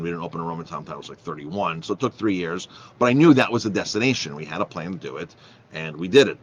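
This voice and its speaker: A man who is a chef and restaurant owner, talking casually and emphatically to the camera, repeating phrases and restarting often. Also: sits low. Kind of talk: casual vlog talk.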